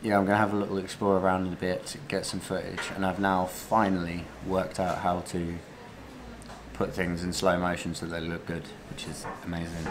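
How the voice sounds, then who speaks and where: A young man, chatting casually to camera on a travel vlog, jokey and quick to laugh. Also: low-pitched, flat delivery, background noise. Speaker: vlogger. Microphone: handheld camera close to face.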